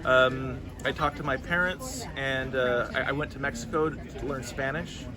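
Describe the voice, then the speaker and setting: Crowd noise, traffic, and street sounds surround a man in his thirties, a California farmer, as he answers interview questions earnestly at an outdoor farmers market. As the guest, he restarts frequently, his mid-range voice steady and at normal speed.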